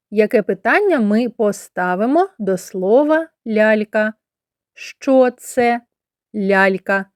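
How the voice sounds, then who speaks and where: A kindergarten teacher from Ukraine talks young children through a literacy lesson. She speaks very slowly and stretches out each word. Her mid-pitched voice is recorded dry and close, with no room sound. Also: a little mellow, dry recording. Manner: slow, clear, drawn-out speech for young children.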